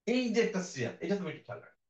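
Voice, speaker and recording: A man's voice: high-pitched, very animated, darkish tone. A male teacher giving a recorded class lecture, explaining patiently and sounding out vowels for his students. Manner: explains slowly, demonstrates vowel sounds aloud; addresses students directly, patient. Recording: dull, echoey room audio.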